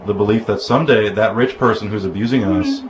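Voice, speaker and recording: Rambling storytelling man, low voice. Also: a little fast, noisy background. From United States. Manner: rambling, with many restarts and quoted dialogue. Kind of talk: casual conversation, telling anecdotes.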